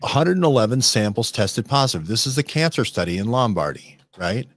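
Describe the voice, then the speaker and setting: A man hosting a casual studio discussion, rambling and animated, often restarting and checking in with "right?". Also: medium pitch, brisk, dry recording. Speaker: host.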